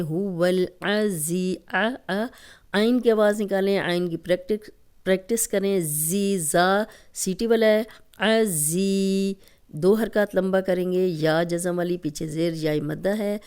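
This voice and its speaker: A woman teaching Quran recitation rules, explaining patiently step by step and drawing each recited word out slowly, with a Pakistani Urdu accent. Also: fairly low pitch, darkish tone, smooth. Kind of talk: Tajweed lesson.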